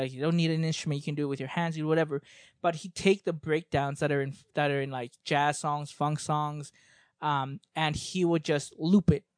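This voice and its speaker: A man's voice: fairly high pitch, no echo, studio quality. A man in casual chat, explaining at length with many restarts and fillers.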